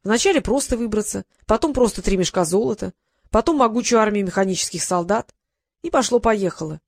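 A woman's voice: medium pitch, lively intonation, fairly quick, vocal fry, dry recording, studio quality. A woman reading an audiobook, voicing a sly, evasive male genie who is thousands of years old, with a wheedling, mock-respectful manner. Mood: scheming.

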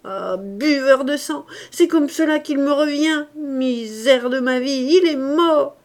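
A woman reading an audiobook voices a furious, grief-stricken grandfather near a hundred, shouting in bitter, anguished outbursts. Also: on the high side, moderate pace, pitched above the performer's own voice, close to an everyday voice. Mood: raging grief.

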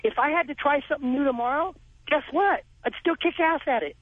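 A forty-year-old radio host lectures a caller forcefully and stumbles through restarts. His voice sits very high for a man. The broadcast sounds dry and thin. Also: a little fast, no echo, narrow, tinny audio. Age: 40s. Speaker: radio talk show host. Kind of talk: talk radio monologue.

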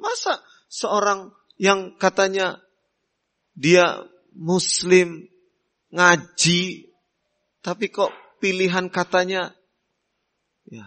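Man preaching a sermon, kinda high voice, real slow and deliberate, lots of "ya". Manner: slow, deliberate teaching with frequent "ya" fillers; acts out polite hosts in soft voice. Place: Islamic boarding school hall.

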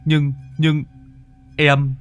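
A man voicing a brash, boastful young male driver in a storybook reading, with an excitable, stammering way of talking. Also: fairly high pitch, extremely slow, clear, resonant tone, soft background music, voice pushed up. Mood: sheepish.

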